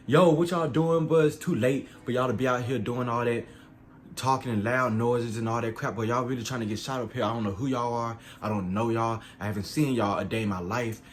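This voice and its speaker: A young man with a fairly low voice tells a story in a loose, rambling, slangy way. Faint music plays behind him. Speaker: vlogger. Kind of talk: storytime vlog.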